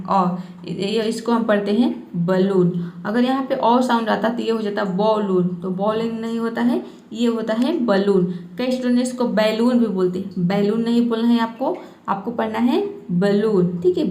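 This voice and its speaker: A woman's voice: mid-range voice, a little mellow. Woman teacher in an echoey room. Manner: patient, repeats each word slowly with frequent "ठीक है" checks. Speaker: English teacher. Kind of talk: Hindi-language pronunciation lesson.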